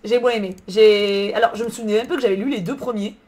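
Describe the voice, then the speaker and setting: A woman's voice: mid-range voice, steady tone, quick pace, a little mellow. A woman streaming live, chatting casually about books, answering her chat and swearing freely in slang. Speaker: book streamer.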